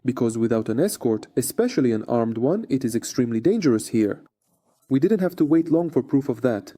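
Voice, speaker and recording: Mellow male war correspondent narrating a report. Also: mid-range voice, lively intonation, a little fast.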